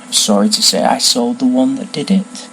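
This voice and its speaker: A man voicing an intense, eerie old male wandmaker in a storybook reading, with a soft, hushed, lilting voice. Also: mid-range voice, moderate pace, gravelly, a little hiss or hum, rough recording.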